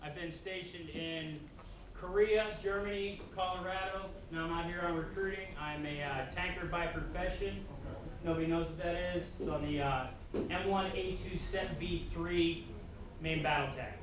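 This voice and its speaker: High-voiced man in a very echoey room. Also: normal speed. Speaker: army staff sergeant. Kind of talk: self-introduction to a group. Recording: very echoey room, distant mic, noise.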